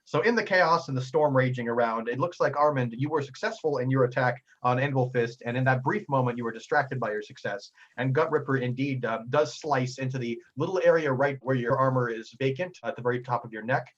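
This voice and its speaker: A man narrating a tabletop role-playing game as game master, animated and excitable, with frequent ums and uhs. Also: medium pitch, fairly quick, few pauses, muffled recording.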